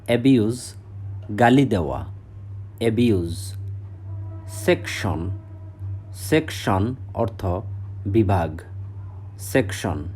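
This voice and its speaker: A man with a Bengali accent teaching English vocabulary, saying each word, giving its meaning and repeating it slowly. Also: on the low side, big pitch swings, darkish tone, husky. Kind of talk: slow vocabulary drill.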